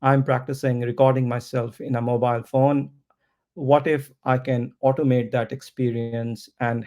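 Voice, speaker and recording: In a podcast interview, a startup founder who isn't a native English speaker answers questions about his product slowly and thoughtfully, with many pauses and restarts. His voice sits mid-range and has a darkish tone.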